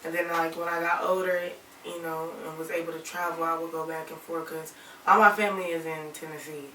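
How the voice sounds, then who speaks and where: A young woman from Alabama, raised in Ohio, chatting casually in an interview, relaxed and rambling with lots of "like". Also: low voice, fairly quick, distant mic, a little hiss or hum. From Alabama, raised in Toledo, Ohio. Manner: relaxed, rambling, many "like" fillers. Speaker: rapper and singer, interview guest. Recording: echoey room, voice off-mic.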